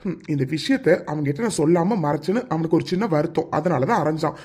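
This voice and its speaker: A man's voice: fairly high pitch, lively intonation, quick pace, a little mellow, breathy edge. Teasing, exasperated young cartoon lover voiced by a man. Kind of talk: cartoon dialogue.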